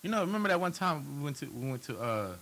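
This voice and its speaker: A man's voice: fairly high pitch, quick pace, creaky, a little hiss or hum. A man telling stories in a casual group chat, laughing often. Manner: animated storyteller, laughs a lot. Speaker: co-host.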